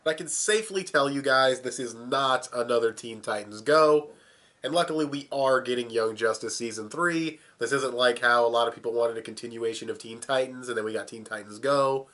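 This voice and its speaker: This video reviewer is a young man who's sick and stuffed up, talking casually about a cartoon with plenty of swearing and laughter. He speaks briskly in a mid-range voice with a slightly bright tone.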